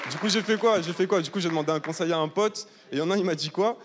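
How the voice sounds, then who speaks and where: A young man from southern France performs stand-up, brash and chatty, ribbing the crowd. He talks fast in a high voice, and a long hall reverb hangs behind him with faint room ambience. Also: background noise. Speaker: stand-up comedian. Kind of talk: stand-up comedy set. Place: large live comedy hall, audience of 800.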